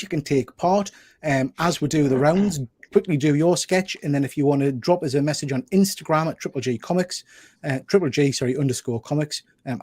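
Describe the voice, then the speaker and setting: Male host, fairly high voice, dry close sound, informal banter, chatty explaining. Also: darkish tone, dry recording. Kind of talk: casual, chatty show hosting.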